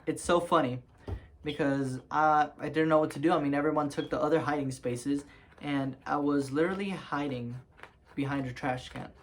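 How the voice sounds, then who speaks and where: A man's voice: fairly high pitch, fairly even intonation, moderate pace, slight background noise. Young guy vlogging a storytime, rambly, lots of ums and restarts, laughs at his own story. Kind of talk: casual storytime.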